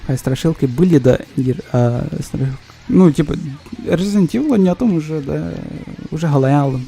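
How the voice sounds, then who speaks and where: A man's voice: a little high, lively intonation, normal speed, vocal fry, dark tone. A man streaming a game, chatting casually and grumbling with blunt swearing as he plays. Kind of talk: casual gaming commentary and chat.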